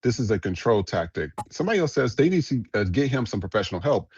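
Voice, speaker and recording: A man's voice: lowish voice, sing-song, quick pace, darkish tone, slightly rough, no echo, muffled recording. A man hosting a podcast, giving blunt, profane, rambling commentary on viral clips. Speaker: podcast host.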